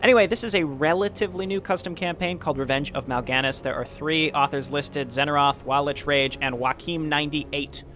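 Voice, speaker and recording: A man's voice: a little high, brisk, hardly any pauses, a bit bright, a little hiss or hum. A man hosting a gaming video with casual commentary, thinking aloud as he plays. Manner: thinks aloud while playing.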